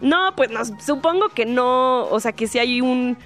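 Playful Mexican woman, higher-pitched voice. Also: expressive, a little slow, a bit bright. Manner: playful, slangy, chiming in. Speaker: co-host of an entertainment talk show. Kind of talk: casual banter. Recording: faint music behind the voice.

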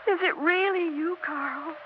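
In a 1960s radio drama, an actress voices an anxious, clinging older wife pleading with her husband. Her voice is very high-pitched and her pace measured, yet she sounds emotional, insistent and begging. The old broadcast sounds dull, with a faint hiss.

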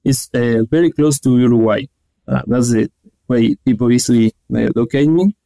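A young man from Argentina, giving earnest, halting answers as an interview guest. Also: mid-range voice, gravelly, dark tone, poor audio. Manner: earnest, halting, restarts phrases. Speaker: guest researcher.

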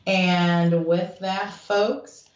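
A woman hosting an evening paranormal talk radio show, telling stories in a measured, deliberate way. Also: fairly low pitch, flat delivery. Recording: dull lo-fi, roomy echo.

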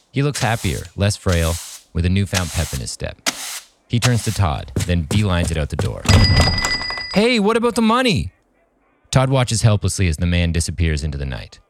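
A man's voice: deep voice, noisy background. A man narrating a scripted story aloud as a podcast host.

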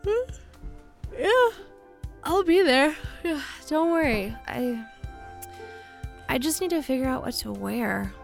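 A man's voice: extremely high pitch, lively intonation, gravelly, soft background music, voice pushed up, exaggerated voice. Timid, flustered young student, voiced by a man. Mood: sleepy. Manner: hesitant, halting and apologetic.

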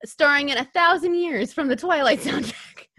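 A woman's voice: sits high, normal speed, sharp tone, no echo. A woman co-hosting a podcast in casual chat, reacting with awkward laughter. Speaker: podcast co-host.

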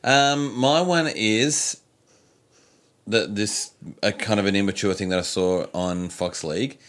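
A man's voice: fairly low pitch, a little slow, a bit bright. A man, a co-host of a casual sports podcast, telling stories and swearing freely.

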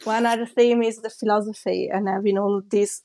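A woman's voice: mid-range voice, flat delivery, a little fast, warm tone, no room sound, studio quality. A woman hosting a casual podcast interview in a girlish anime-girl voice. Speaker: podcast host.

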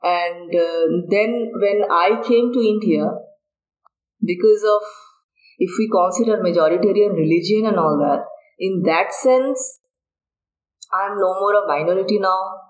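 A woman's voice: mid-range voice, unhurried, rough recording. A woman from Bangladesh, a researcher being interviewed, who talks hesitantly with many fillers and restarts. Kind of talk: podcast interview. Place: on a university campus.

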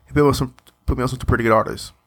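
A man's voice: mid-range voice, fairly even intonation, racing. A young man co-hosting a podcast, talking casually and hesitantly, with many ums. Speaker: podcast co-host. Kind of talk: casual chat.

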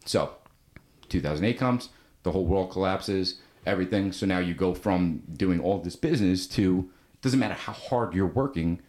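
A man's voice: low-pitched, moderate pace, a little mellow. A man in his thirties from New Jersey, a podcast guest telling a long story in a casual, rambling way, full of filler words.

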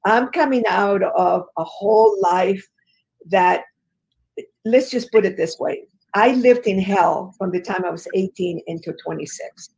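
Gravelly-voiced woman telling her story. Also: mid-range voice, a little slow, darkish tone, rough recording. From Chile. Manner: earnest, emphatic storyteller with fillers. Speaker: guest, business educator. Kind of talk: conversational storytelling interview.

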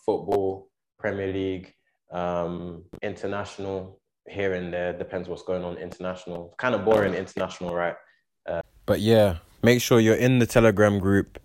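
A man with a fairly low voice hosts a casual podcast conversation. He sounds laid-back and uses plenty of everyday slang. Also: darkish tone. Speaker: podcast host, former academy footballer. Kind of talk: casual interview chat.

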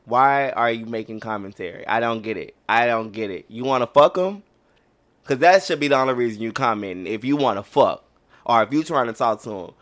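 A man's voice: mid-range voice, lively intonation, a little fast, a bit bright. A young man co-hosting a casual podcast, talking bluntly and passionately with plenty of swearing. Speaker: podcast co-host.

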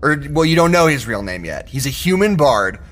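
A man playing a distracted tabletop gamer in an audio drama, rambling and quick to get defensive. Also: on the high side, big pitch swings, a bit bright. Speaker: player in a tabletop game. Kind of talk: acted player banter in an audio drama.

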